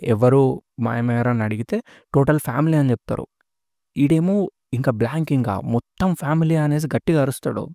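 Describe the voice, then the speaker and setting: A man casually retelling a series plot in a relaxed, chatty way, with many filler sounds between phrases. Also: medium pitch, clear, resonant tone, no echo, clean studio sound. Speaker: storyteller recapping a series.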